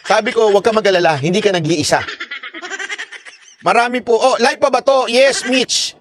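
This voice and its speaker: Filipino guy live streaming politics, high voice, jokey and mocking, keeps laughing, faint noise behind. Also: moderate pace. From Philippines. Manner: joking and mocking, laughing often, acting out quoted lines. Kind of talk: casual live-stream commentary.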